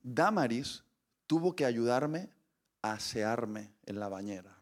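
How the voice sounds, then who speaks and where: A man, preaching a sermon as an animated storyteller who acts out scenes and voices. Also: mid-range voice, slow.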